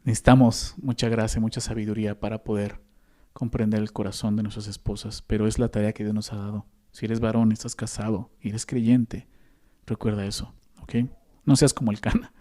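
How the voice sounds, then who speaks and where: A man's voice: lowish voice, little pitch movement, brisk, warm tone. A man with a Mexican accent preaching a sermon as a pastor, conversational and often adding tag questions to the listeners. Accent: Mexican Spanish.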